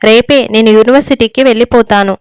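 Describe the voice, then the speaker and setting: A woman's voice: on the high side, fairly quick, clear, resonant tone, no echo, natural voice. A woman reading a story voices an earnest young woman student who answers her father, pleading and firm. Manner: pleading, then firm and defiant.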